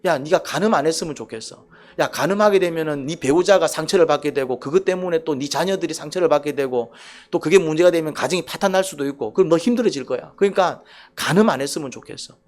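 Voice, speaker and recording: A man voicing a gentle, caring God who reasons softly instead of commanding. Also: on the high side, quick pace, pitched below the performer's own voice, lightly acted. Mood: gently pleading. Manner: soft, coaxing, reasoning.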